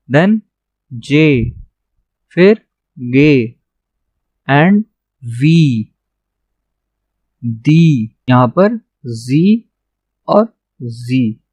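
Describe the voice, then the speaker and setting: A man's voice: fairly high pitch, no echo. A young man patiently teaching a shorthand lesson, checking in with "theek hai" after each point. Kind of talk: classroom lesson.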